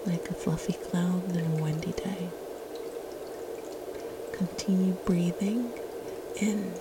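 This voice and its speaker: A woman leading a guided meditation in a soft, soothing, gentle spa-like whisper, as the host. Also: fairly low pitch, heavy background noise. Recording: loud watery ambience, dripping water. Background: running and dripping water ambience.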